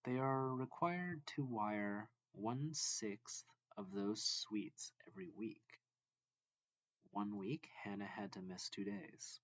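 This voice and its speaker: A math reading tutor with a low voice reads a textbook lesson aloud very slowly and deliberately, setting out each short phrase on its own. The sound is a bit bright yet a little dull, with no room sound.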